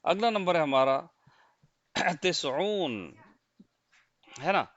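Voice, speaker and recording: A man with a Pakistani Urdu accent teaches a language lesson from slides, patiently counting through lists and repeatedly checking that listeners follow. His voice is on the high side, fairly bright and lively in intonation, recorded dry and lo-fi on a close mic with a dull sound.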